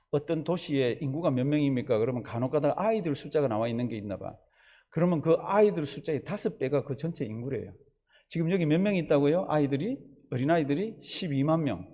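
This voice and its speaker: A male pastor delivers a lively sermon, talking with the congregation and asking frequent rhetorical questions. His voice sits fairly high and moves up and down a lot, with a mellow, darker tone. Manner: animated, conversational, rhetorical questions.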